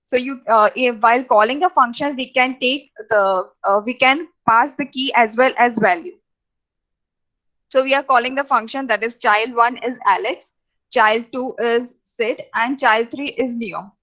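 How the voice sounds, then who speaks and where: Woman, programming lecturer, halting delivery full of fillers, slightly high voice, dull lo-fi recording. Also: fairly bright tone. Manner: halting, many fillers and restarts. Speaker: programming teacher. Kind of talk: lecture over slides.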